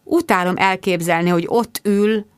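Expressive woman audiobook narrator. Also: medium pitch, clean tone, no room sound, studio quality. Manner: lively, expressive reading. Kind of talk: first-person audiobook narration.

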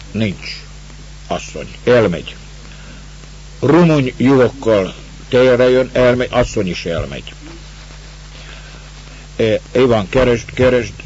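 A man's voice: fairly low pitch, a little mellow, pitched above the performer's own voice, natural voice. A man doing a weary Russian-accented wanderer. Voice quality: broken halting speech, slow pleading. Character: foreign male wanderer, gaunt, weary, forlorn. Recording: dull lo-fi recording, faint hiss.

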